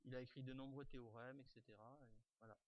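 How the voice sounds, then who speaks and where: A man's voice: mid-range voice, steady tone, fast, no echo, muffled recording. A man teaching an online class, talking informally with lots of fillers and restarts over a computer mic. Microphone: computer mic on a video call.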